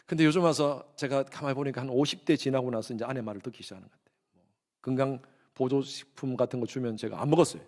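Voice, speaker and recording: A man in his fifties with a Gyeongsang Korean accent, preaching a lively sermon to his congregation and often speaking straight to them. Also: medium pitch, quick pace. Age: 50s. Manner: lively preaching, addresses congregation often, acts out quoted lines. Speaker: pastor.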